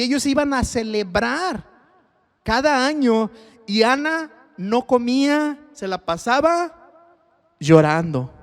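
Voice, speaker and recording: High-voiced Mexican pastor, echoing hall. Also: male voice. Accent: Mexican Spanish. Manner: conversational, quizzes the congregation. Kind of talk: sermon on marriage. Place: church hall.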